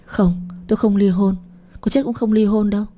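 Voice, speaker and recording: A woman's voice: mid-range voice, steady tone, normal speed, mellow, slight background noise, close to an everyday voice. A woman narrator voicing a stubborn older mother who pleads tearfully in an audio story. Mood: tearful pleading. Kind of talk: audiobook reading.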